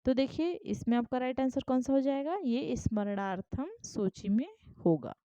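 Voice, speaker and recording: A woman's voice: high voice, expressive, moderate pace, dark tone, dry recording. Woman teacher, exam-prep lesson, methodical and checking in, dry lo-fi sound. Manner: explains step by step, reads Sanskrit questions aloud, keeps checking "ठीक?". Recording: dull, lo-fi dry recording.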